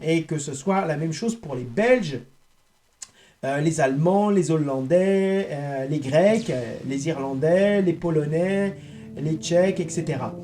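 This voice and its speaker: A man giving a rambling, indignant monologue to his viewers, halting and restarting as he goes. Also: on the high side, mellow, soft background music. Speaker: online political commentator.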